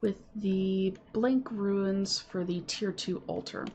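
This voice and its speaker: A woman streaming Minecraft from home has a cold, so she sounds sniffly and nasal as she chats casually and apologetically, with lots of ums. Her mid-range voice is slow, steady, and darkish, with keyboard and computer sounds in the background.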